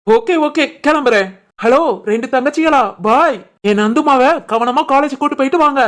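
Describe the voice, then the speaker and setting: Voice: high voice, normal speed. A voice artist playing an eager, lovestruck young office worker in a cartoon, with a southern Tamil Nadu dialect. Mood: doting. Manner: pleading, doting, excitable. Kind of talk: cartoon voice acting.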